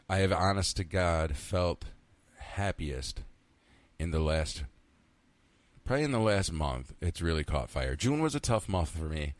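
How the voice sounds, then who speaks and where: A man in his fifties with a deep voice hosts a solo podcast, rambling casually, talking to himself, and swearing now and then. There's no room sound.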